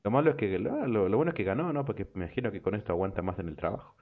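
A man hosting a show, retelling anime episodes in an animated, profane, casual way. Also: on the low side, very fast. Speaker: radio show host. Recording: tinny phone-like line.

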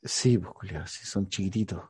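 A man's voice: low voice, moderate pace, darkish tone, husky, no room sound. A Chilean man trading profane, teasing insults in crude comic banter with a co-host.

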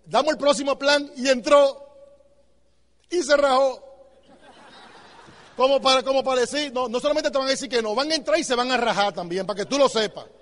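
A man gives an emphatic motivational talk in a very high voice. He talks fast and keeps throwing rhetorical questions at the listener. His voice carries a long reverb from a large hall. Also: a bit bright. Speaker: motivational speaker.

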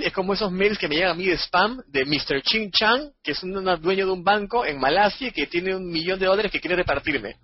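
A man teaching a live sales course, animated and acting out phone calls. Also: high voice, husky. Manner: animated, acts out phone dialogues. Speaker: course instructor. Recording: muffled audio.

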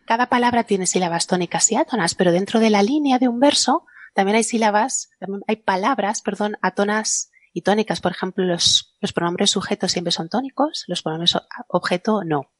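A woman's voice: medium pitch, fairly quick, no room sound. A woman guest on a science podcast panel, explaining her research casually, laughing often and restarting her sentences.

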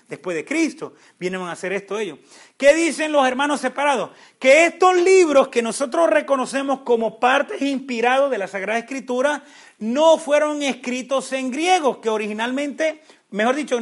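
Man, very high voice, Bible class teacher, rhetorical questions, frequent restarts. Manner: asks questions then answers them; restarts words often, animated.

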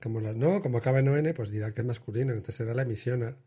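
A man's voice: medium pitch, rapid-fire, mellow, husky. A man from Spain co-hosting a podcast, patiently correcting his partner in a matter-of-fact way. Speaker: podcast co-host. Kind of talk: casual banter.

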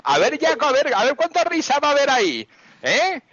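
A man playing a boastful, foul-mouthed old space marine veteran in a nursing home, calling in with a husky voice over a dull phone line. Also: extremely high pitch, wildly swooping pitch, a little fast, a bit bright, no echo, exaggerated voice. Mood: grumpy scolding. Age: older. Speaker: phone-in comedy character.

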